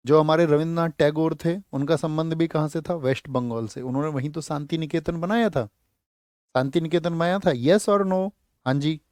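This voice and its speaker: A man's voice: fairly high pitch, moderate pace, a little mellow, dry recording, clean studio sound. A man teaching an exam-prep lecture who quizzes his students, answers his own questions and repeats key words so they stick.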